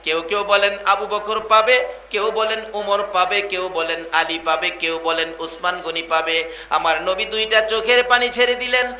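A man preaching at a religious gathering, moving between loud drawn-out chanted lines and quiet storytelling, acting out the figures of his story himself. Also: high-pitched, level tone, reverberant, slight background noise. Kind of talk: sung and shouted Bengali waz sermon. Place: outdoor religious gathering with a public address system.

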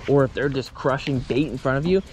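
A man on a boat explaining fishing lures in a relaxed, casual way, often saying "man", recorded on a body-worn action camera outdoors. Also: mid-range voice, brisk. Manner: laid-back, says "man" often. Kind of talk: casual outdoor how-to talk. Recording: outdoor camera audio with steady noise.

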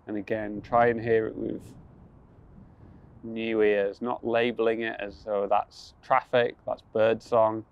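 A young man leading a guided mindfulness practice outdoors on a rooftop, speaking calmly, slowly and gently, with soft restarts. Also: fairly low pitch, clean tone, dull audio. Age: young adult. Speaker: mindfulness instructor.

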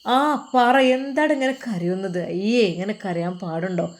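A woman's voice: mid-range voice, expressive, moderate pace, lightly acted. A woman voicing a soothing fatherly man. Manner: soothing, gently chiding. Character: gentle comforting father, middle-aged man.

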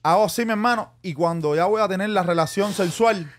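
A man, his voice sitting somewhat high, tells a long story on a podcast. He slips into the voices of the people he talks about and keeps calling his listeners "brother". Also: fairly quick. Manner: animated storyteller acting out quotes, calls listeners "mi hermano". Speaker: podcast guest. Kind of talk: casual storytelling chat.

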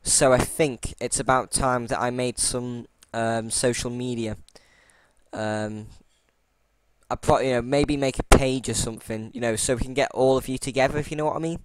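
The tutorial channel host narrates his screen recording casually, rambling, restarting, filling gaps, and apologizing in a self-deprecating way for his boring voice. His mid-range voice is steady at a moderate pace against a noisy background.

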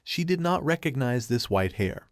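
A man reading a scripted story recap in a steady, even narrating voice. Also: medium pitch, moderate pace, dry recording, clean studio sound.

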